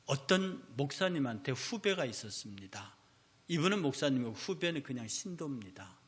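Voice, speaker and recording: A man's voice: medium pitch, moderate pace. A man preaching a Sunday sermon as pastor, telling stories and acting out the dialogue. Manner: animated storytelling, acting out dialogue. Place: church sanctuary.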